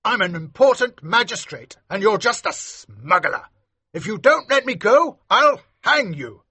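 A man voicing a pompous, frightened male magistrate in a storybook, pleading in a shrill, shaky voice. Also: sing-song, unhurried, sharp tone, breathy edge, no echo, heavily acted. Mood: indignant, threatening. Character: frightened, haughty male magistrate begging for his life. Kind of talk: audiobook character acting.

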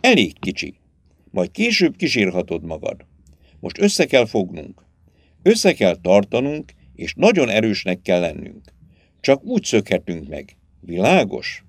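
A man's voice: medium pitch, very animated, dry recording, clean studio sound. A man reading aloud and voicing a firm, commanding young woman who takes charge. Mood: firm, earnest. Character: stern, resolute young woman, captive sister.

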